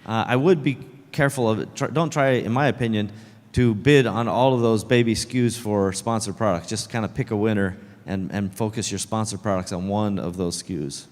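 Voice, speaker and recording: A man's voice: on the low side, fairly quick, darkish tone. Matter-of-fact male panelist. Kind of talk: advising at a seller conference. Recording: reverberant conference hall.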